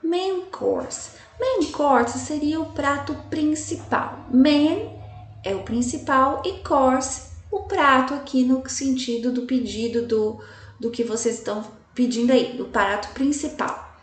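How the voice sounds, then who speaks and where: Woman English teacher, native Portuguese, high voice, deliberate drills, echoey room. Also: recorded from a distance. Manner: slow, careful enunciation with repeated examples; checks in with "tá?" and "né?". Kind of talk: slide-based language lesson.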